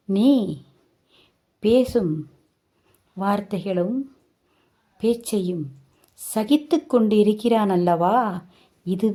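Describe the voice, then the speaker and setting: A woman voicing a kindly old village grandmother who gently consoles and urges calm. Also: medium pitch.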